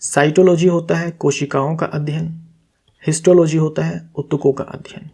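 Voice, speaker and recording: A man's voice: fairly high pitch, steady tone, moderate pace, vocal fry, a little mellow, slightly rough. A man teaching as an exam-prep tutor, walking step by step through quiz answers, asking questions and answering them himself. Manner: corrects himself aloud.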